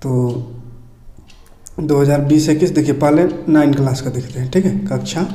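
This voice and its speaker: A man teaching a lesson, his voice set a little high but mellow and warm in tone. He takes each point in turn, stopping often to check that students are following. The recording has the noticeable echo of a bare room. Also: normal speed. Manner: explains item by item, repeats checks and tags. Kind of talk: casual screen-share lesson walkthrough. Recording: echoey room.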